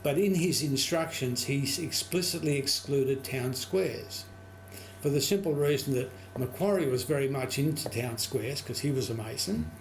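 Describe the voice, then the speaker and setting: A man's voice: mid-range voice, moderate pace, slight background noise. A man explaining historical detail in a lecturing conversational way. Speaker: guest researcher.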